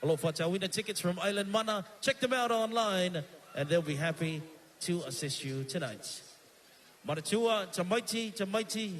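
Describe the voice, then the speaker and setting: High, bright-voiced Samoan emcee. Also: male voice, a little hiss or hum. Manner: energetic, calls out to the crowd, switches between Samoan and English. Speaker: master of ceremonies. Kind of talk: live stage emceeing. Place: stage at an evening show.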